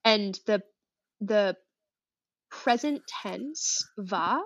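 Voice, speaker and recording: A woman's voice: mid-range voice, animated, very slow, no echo, dull audio. Thoughtful woman co-hosting a literary podcast. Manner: thoughtful, hedging, many restarts. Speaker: podcast co-host. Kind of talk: casual literary discussion.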